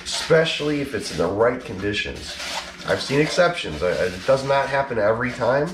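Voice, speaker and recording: A man's voice: mid-range voice, expressive, moderate pace, background noise. A man collector talking casually in a blunt, exasperated way and swearing freely. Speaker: mask collector. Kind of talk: casual vlog ranting.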